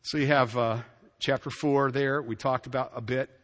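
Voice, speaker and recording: Guy preaching in a big echoey church, gets loud on the big points then goes chatty and jokey. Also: medium pitch, fairly even intonation, normal speed. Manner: emphatic, rising to near-shouts on key points; conversational asides and sarcasm. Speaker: pastor. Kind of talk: sermon.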